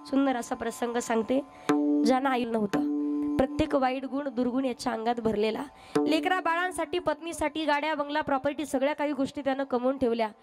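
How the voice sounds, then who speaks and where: High-voiced woman preaching a kirtan. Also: fairly quick, over music. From from Maharashtra, India. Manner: storytelling preacher, rhetorical questions to the crowd. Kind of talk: devotional kirtan sermon with sung verses. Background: musical instrument accompaniment.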